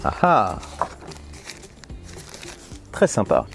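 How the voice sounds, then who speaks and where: A man's voice: fairly low pitch, wildly swooping pitch, drawn-out words, gravelly, music in the background. A man with a French accent, chatting through a casual unboxing vlog outdoors next to a road, recorded on a lapel mic. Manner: chatty and playful, musing aloud. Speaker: tech vlogger.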